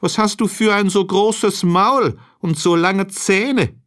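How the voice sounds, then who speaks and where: A man doing a high innocent little girl. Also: slow. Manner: high, lively questions. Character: innocent young girl, eager.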